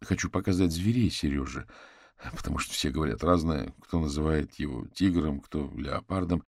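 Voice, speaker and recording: A man voicing a calm male detective who speaks politely and persuasively. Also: extremely low pitch, normal speed, gravelly, dry recording, clean studio sound, heavily acted. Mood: courteous.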